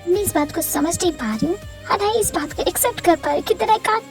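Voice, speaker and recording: A woman's voice: extremely high pitch, fast talker, faint music behind. A woman voicing a grieving young wife in a fan audio drama, tearful and pleading. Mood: anguished.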